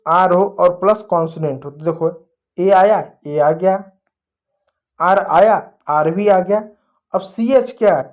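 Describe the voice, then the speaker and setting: A man with a slightly higher voice leads a children's English lesson. He works in a question-and-answer rhythm, firing off a question and answering it himself. He calls out example words slowly, louder than his running talk, and keeps coming back to the children with fond words. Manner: addresses children affectionately. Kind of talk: classroom-style phonics lesson.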